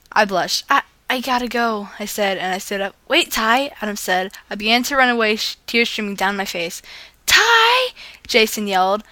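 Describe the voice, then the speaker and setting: Reading romantic fan fiction out loud, a woman with a mid-range voice takes a casual, expressive, amateur approach, tripping over words and starting lines again. She tosses in gushing asides, and the recording has no room sound.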